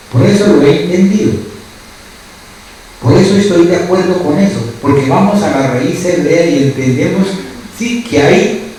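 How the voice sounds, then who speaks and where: A man's voice: sits high, a little mellow, heavy reverb, recorded from a distance, slight background noise, poor audio. A man preaching a sermon as pastor, who keeps asking his listeners short questions. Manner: asks the congregation constant questions.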